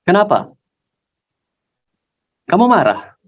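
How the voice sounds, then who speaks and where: A man's voice: sits high, wildly swooping pitch, takes it slowly, slightly rough, pitched above the performer's own voice, exaggerated voice. A man voicing a scheming father who is a master thief, coaxing and persuasive, on a dull lo-fi sermon recording. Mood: probing.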